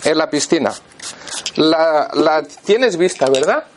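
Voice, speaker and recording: A man walks a volunteer through a demonstration in front of an audience. His voice sits high and swings up and down. He keeps checking in with short questions as he gives each instruction. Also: animated, takes it slowly, slight background noise. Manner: instructive, checks in constantly with "vale". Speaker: therapist leading a live demonstration.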